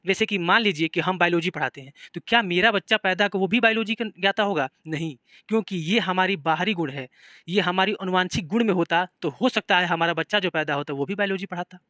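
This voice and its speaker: A man's voice: sits high, fast, bright, forceful tone, dry recording. A man with a Bihari Hindi accent teaching a biology class, explaining in simple terms and putting repeated questions to his students. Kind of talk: classroom lecture.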